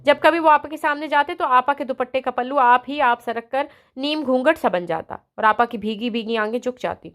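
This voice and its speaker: A woman narrates a novel aloud in a steady storytelling manner. Her voice sits somewhat high. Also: few pauses.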